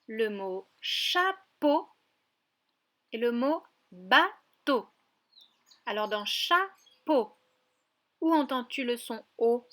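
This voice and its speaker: A woman teacher giving a recorded lesson to young children, speaking slowly and clearly and addressing the child directly. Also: on the high side, a bit bright. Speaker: preschool teacher.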